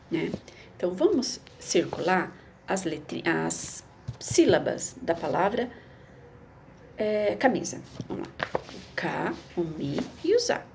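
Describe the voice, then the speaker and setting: Gravelly-voiced woman teaching children. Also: fairly low pitch, a little mellow, slight background noise. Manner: patient, explains slowly, repeats words for children. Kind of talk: remote lesson reading a schoolbook aloud.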